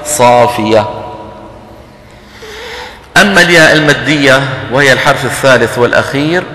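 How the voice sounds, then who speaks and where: Man teaching in an echoing hall. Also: mid-range voice. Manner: lively and teasing, chanting example words slowly. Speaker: Quran recitation teacher. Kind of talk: lecture on tajweed, mixing dialect and formal Arabic. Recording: roomy hall with long echo, faint hum.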